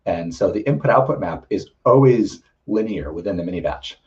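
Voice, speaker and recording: Low-voiced man lecturing, a bit hoarse. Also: expressive, moderate pace, a little mellow, lo-fi sound. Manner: frequent ums and restarts, explanatory. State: slightly losing his voice. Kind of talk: technical lecture.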